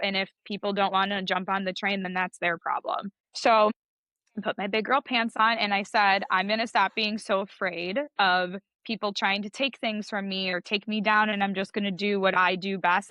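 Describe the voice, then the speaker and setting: Bright-voiced chatty young woman. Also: medium pitch, clean tone, no room sound. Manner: chatty and emphatic, heavy use of "like". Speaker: judge and coach. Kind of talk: casual interview conversation.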